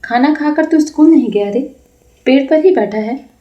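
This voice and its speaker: A woman's voice: high-pitched, normal speed, voice pushed up, natural voice. A woman voicing a weary young wife in a told story, stern and exasperated with a boy in her care. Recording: roomy, dull lo-fi recording.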